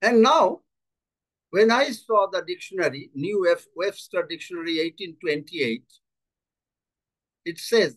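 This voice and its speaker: A man preaching a bilingual sermon, slow and emphatic, repeating key phrases and translating himself between languages. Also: high-pitched. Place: church service.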